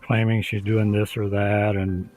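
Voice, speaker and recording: An older man in his seventies, interviewed for a documentary. His voice sits low, and he tells his story in a halting way, full of restarts and small fillers. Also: flat delivery, darkish tone, slight background noise. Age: 70s. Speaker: interviewee, husband.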